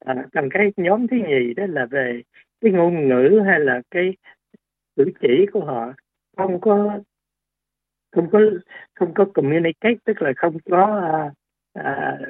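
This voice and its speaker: A man's voice: on the high side, expressive, unhurried, long pauses, no room sound. A man, a doctor explaining things on a radio interview, hesitant with many fillers and restarts. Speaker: doctor guest. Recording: tinny phone-like radio line.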